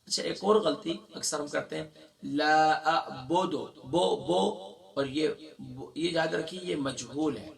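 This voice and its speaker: A man with a sore throat teaches Quran recitation, spelling out syllables slowly and then explaining quickly. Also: fairly high pitch, creaky, distant mic. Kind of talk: spoken lesson with slow drawn-out recitation.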